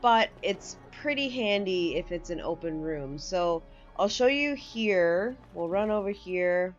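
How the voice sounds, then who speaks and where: Game music plays as a woman hosts a relaxed, conversational walkthrough of a video game, explaining along the way. Her lowish voice is animated yet unhurried. The sound is lo-fi.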